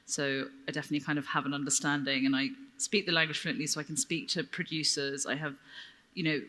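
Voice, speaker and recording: Bright-voiced woman in a reverberant hall. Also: deep voice, flat delivery, fast. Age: 30s. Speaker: food writer on a panel. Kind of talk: casual panel conversation.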